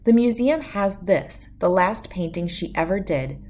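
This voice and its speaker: Somewhat slowly and with a fairly low pitch, a woman reads a children's picture book as a first-person story, phrasing her lines clearly and with expression.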